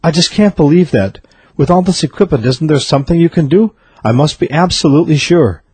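A man voicing a frantic old gentleman who stammers and begs for help in a joke. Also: expressive, fairly quick, slightly rough, dry recording. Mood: desperate. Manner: stammering, high and urgent. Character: frantic pleading old gentleman, grieving his dog.

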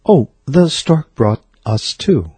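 A man voicing a prudish mother who answers her son slowly and evasively in a joke. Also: medium pitch, lively intonation, mellow, breathy edge, dry recording, voice pushed up, full character voice.

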